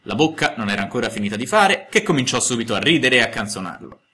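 Lively, bright-voiced male storyteller. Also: mid-range voice, quick pace. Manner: expressive, storytelling cadence. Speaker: narrator. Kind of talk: audiobook reading of a classic tale.

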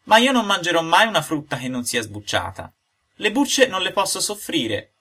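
A man's voice: sits high, very animated, normal speed, pushed and bright, breathy edge, voice pushed up, exaggerated voice. A man voicing a hungry, whiny wooden puppet boy in a storybook reading. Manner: whiny, wailing.

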